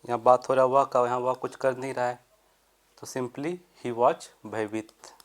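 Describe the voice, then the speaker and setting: A man teaching English grammar in Hindi, explaining step by step, asking questions and answering them himself, and reading the example sentences slowly and deliberately. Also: medium pitch, level tone.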